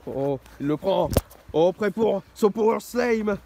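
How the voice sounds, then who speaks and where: A man calling a wrestling match play-by-play, excitable and bursting into shouted exclamations. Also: high voice, slow, gravelly, noisy background. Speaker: wrestling commentator.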